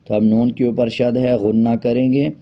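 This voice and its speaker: A man teaching a Quran reading lesson, switching between brisk explanations and slow, drawn-out spelling of letters. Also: medium pitch, level tone. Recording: dull lo-fi sound.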